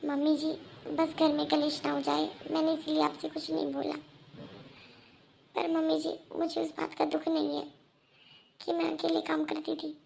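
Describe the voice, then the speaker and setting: A sorrowful young daughter-in-law in a cartoon, voiced by a woman. She is dutiful and pleads earnestly. Her voice is very high, flat in pitch and heavy with vocal fry. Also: normal speed, long pauses, slight background noise. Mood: plaintive. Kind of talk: Hindi cartoon voice acting.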